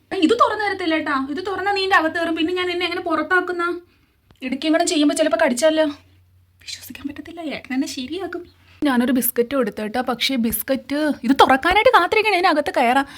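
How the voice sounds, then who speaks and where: A woman vlogging outdoors in her garden, chatting to a cat in a coaxing way while filming on her phone. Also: high voice. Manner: chatty, coaxing, often cries out "ayyo". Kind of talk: casual vlog talk to a cat. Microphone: phone held while filming. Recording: noisy outdoor phone recording.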